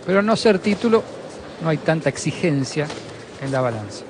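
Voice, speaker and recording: Clear venue noise sits behind this man's fairly high voice. He commentates on boxing live, analysing the fight in a conversational way. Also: big pitch swings, a little fast.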